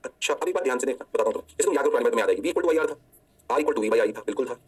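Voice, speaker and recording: एक पुरुष भौतिकी शिक्षक, हिंदी लहजे में, खेल-खेल में खुद ही छात्र बनकर जवाब देता हुआ जोशीला लेक्चर देता है।. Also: male voice, medium pitch, animated, rapid-fire, slightly rough, distant mic. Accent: Hindi. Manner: playful, answers himself in a student's voice. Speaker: physics teacher. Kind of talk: energetic lecture.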